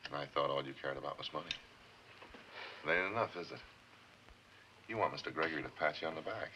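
A man playing a bitter, vengeful diner cook who talks in a rough, sneering way, in 1950s film noir acting. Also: extremely low pitch, fast talker, pushed and bright, a little hiss or hum, rough recording. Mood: needling.

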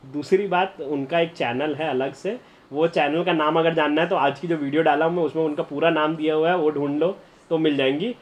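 Excitable young man commentating a game. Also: a little high, brisk, lo-fi sound. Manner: excitable, laughing, shouting bursts. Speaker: game streamer. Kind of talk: live gameplay commentary.

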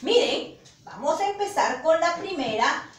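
Peruvian teacher lady, high lively voice, slow and encouraging, echoey room and a bit far from the mic. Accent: Peruvian Spanish. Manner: slow, encouraging, repeats children's answers. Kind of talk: children's phonics lesson.

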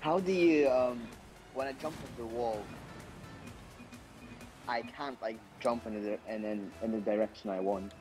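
Hesitant man asking halting questions, faint music. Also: mid-range voice, a little mellow. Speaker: gaming friend. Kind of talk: casual gaming chat.

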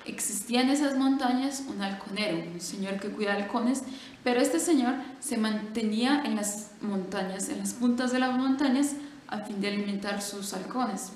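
Woman storyteller, lively and casual, fairly high voice; echoey room. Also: moderate pace. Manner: lively, animated, conversational with fillers. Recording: echoey room with faint noise.

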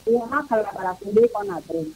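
A man reporting in as a correspondent on a radio call-in, talking in a rambling, halting way. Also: extremely high pitch, sing-song, creaky, a little mellow, a little hiss or hum, low-quality recording.

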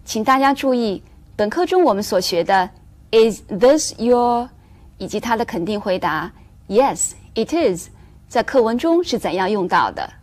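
Woman teaching English in a clear, measured voice. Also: a little high, very animated, darkish tone. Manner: clear, measured explanation, slowing down for English examples. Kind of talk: recorded English lesson for Chinese learners.

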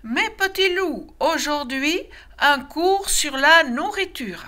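A woman's voice: high-pitched, expressive, slow, bright, forceful tone, voice pushed up, exaggerated voice. A woman voicing a busy father wolf who lectures his cubs in a bossy way. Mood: lecturing.

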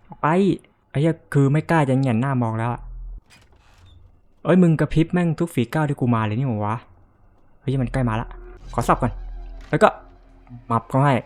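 A man talks through a game in a casual, joking way, cursing freely and breaking into startled yelps whenever something jumps out. His voice sits at an ordinary middle pitch for a man. Faint music plays underneath. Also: normal speed, pauses often. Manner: joking, swears a lot, yelps and panics at scares. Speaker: gaming YouTuber. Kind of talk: casual let's-play commentary.

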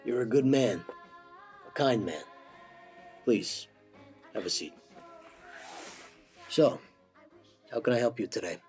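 A man playing a childish mafia boss in a comedy sketch, speaking solemnly and deliberately like a fatherly godfather. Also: medium pitch, animated, a little mellow. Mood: grave, calm. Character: childish Italian-American mob boss, grave and fatherly. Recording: music playing under the voice.

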